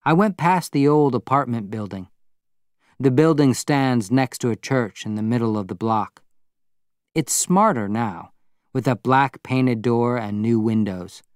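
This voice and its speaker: A man narrates a story in a measured, unhurried way, each sentence given room. His voice sits in an ordinary middle pitch. The sound is dry, with no room around it. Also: lively intonation, dry recording. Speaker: audiobook narrator. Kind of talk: scripted narration.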